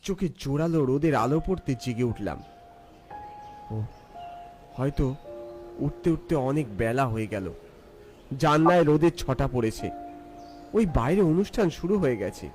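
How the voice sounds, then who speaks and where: A man's voice: medium pitch, lively intonation, a little slow, pauses often, a little mellow, soft background music. A man narrating a scripted first-person ghost story in a theatrical, suspenseful way.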